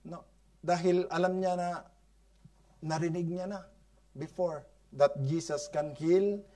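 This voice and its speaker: Preaching slowly and steadily to his congregation, a Filipino-accented pastor moves back and forth between Tagalog and English. He frequently asks "no?" and "Amen?", and his delivery swells in volume for emphasis before sinking into quiet, low phrases.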